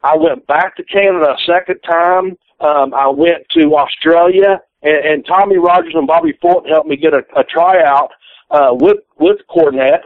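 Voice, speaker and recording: A middle-aged retired pro wrestler with a Southern accent tells old stories in a candid interview, rambling, profane and folksy, often restarting his sentences. His voice is on the high side at a moderate pace, heard over a tinny, dry phone line.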